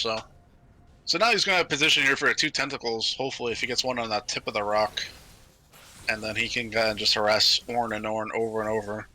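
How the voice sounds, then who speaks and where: A man casting a video game match, talking through the action in brisk, analytical play-by-play with frequent fillers. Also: medium pitch, pushed and bright. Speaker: esports caster. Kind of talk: play-by-play commentary.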